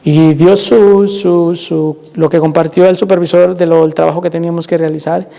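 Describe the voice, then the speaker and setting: A male pastor preaching with fervent conviction, his voice pitched high yet mellow in tone. He keeps turning to the congregation, calling them brothers as he tells his own story. The sound rings with the long reverb of a church hall. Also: little pitch movement, moderate pace, creaky. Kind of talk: sermon with personal testimony. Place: church sanctuary.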